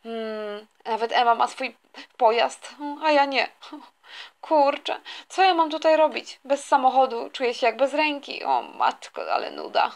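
A woman voicing a bored, grumbling middle-aged father who misses his car, in a toy story with a lowered voice. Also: unhurried, creaky. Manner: sighing, grumbling.

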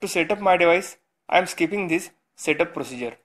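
A man's voice: fairly high pitch, lively intonation, fairly quick, fairly bright tone. A man hosting a phone tutorial, giving short step-by-step instructions. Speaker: tech channel host.

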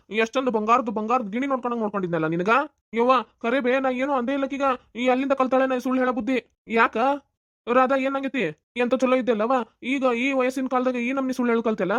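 A defensive grown son pleads and grumbles with his mother in a North Karnataka Kannada accent, voiced by a woman. His voice sits a little high. The sound is dull and muffled, and dry. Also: no echo, close to an everyday voice.

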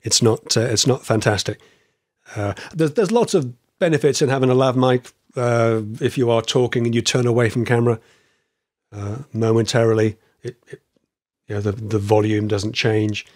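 A man in casual podcast chat as a host, with a slightly wheezy, croaky voice and a rambling, stop-start delivery. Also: medium pitch, fairly even intonation, moderate pace, dry recording, clean studio sound.

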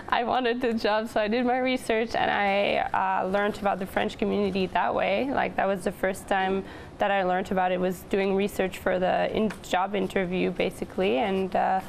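Speaking into a lapel microphone as a studio interview guest, this Montreal-born newspaper editor-in-chief in her 20s talks casually. Her mid-range voice is level, creaky, and moderately paced, with slight background noise.

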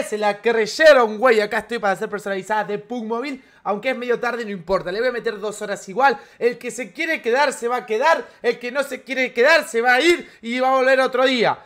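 A man's voice: very high-pitched, fairly bright tone. A man with an Argentine accent chatting energetically with viewers during a live game stream, full of slang. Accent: Argentine Spanish.

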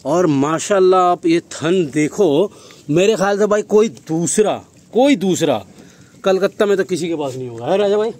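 A man in his thirties with a Kolkata Hindi accent shows viewers around his goat farm outdoors, recording on a phone among the goats in the farmyard. His voice is high and a little mellow, with lively intonation and a moderate pace. He's chatty, calls viewers "brother", and uses frequent tag questions.

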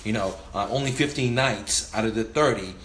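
A man in his forties who invests in real estate delivers a casual instructional vlog to the camera, emphatic and profane, gesturing as he goes. His voice is on the low side and a bit bright at a moderate pace. The small indoor room by a window gives a roomy sound, with slight background noise.

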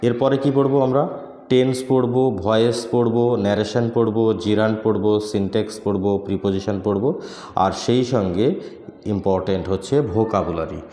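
A man's voice: on the low side, steady tone, moderate pace, dark tone. A man with a Bengali accent giving an exam-prep lecture as a coaching teacher, listing topics one by one with frequent fillers. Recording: echoey room with faint ambience.

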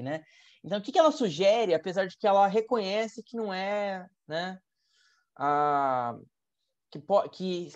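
Over muffled, low-quality webinar audio, a Brazilian-accented man explains English exam strategies during a live online session. He's talkative and explanatory, peppering his speech with "né?".

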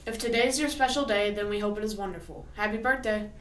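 A woman's voice: mid-range voice, quick pace, a bit bright. Woman co-hosting on a school intercom. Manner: earnest, occasional stumbles while reading. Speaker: school morning announcements co-host. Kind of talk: reading scripted announcements. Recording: echoey and distant with faint noise.

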